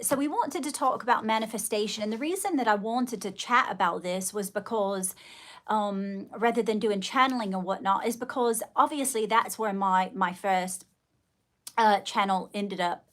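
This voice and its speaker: A livestream host, a middle-aged woman, talks casually with her viewers, full of warm greetings and affectionate pet names. Her voice is mid-range and a bit bright.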